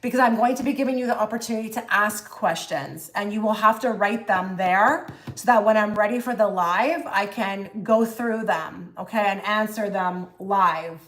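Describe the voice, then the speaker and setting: Speaking at a normal speed with hardly any pauses, a half-Egyptian woman runs a laid-back tarot livestream. Her mid-range voice carries chatty talk full of fillers and restarts while she reads cards and answers viewers.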